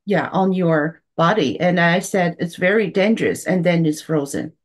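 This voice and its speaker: A woman's voice: on the low side, lively intonation, normal speed. A woman hosting a remote interview, mostly giving short affirmations and checking the line. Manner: brief affirmations, checks on the connection. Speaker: host.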